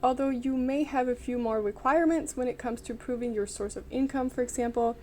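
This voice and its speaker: A young woman from Denmark giving an upbeat, clear explainer as a vlogger, in scripted narration. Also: fairly high pitch, warm tone, a little hiss or hum.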